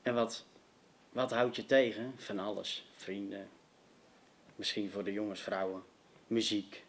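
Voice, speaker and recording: A man's voice: fairly low pitch, little pitch movement, a little slow, slight background noise. A young man giving an earnest personal testimony to a youth meeting, speaking directly and emphatically to his listeners.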